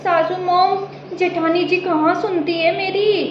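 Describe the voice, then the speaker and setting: A woman playing a pampered, sly young daughter-in-law who talks softly and whines, in an echoey room with slightly dull sound. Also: very high voice, fairly even intonation, unhurried, background noise. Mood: sly whiny.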